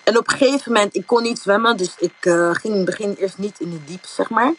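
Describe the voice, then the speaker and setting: A woman's voice: medium pitch, fast, a bit bright, husky. A young woman from the Netherlands telling a personal faith testimony in a casual, rambling way, with many fillers. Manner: informal, many fillers like "zeg maar", retells thoughts as quotes. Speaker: giving a testimony.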